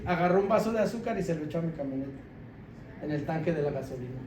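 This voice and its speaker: This sermon testimony comes from a deacon whose voice is high and mellow. He tells his story animatedly, laughing along the way and going low when he quotes others, while the distant pickup in the echoey church hall carries faint ambient noise.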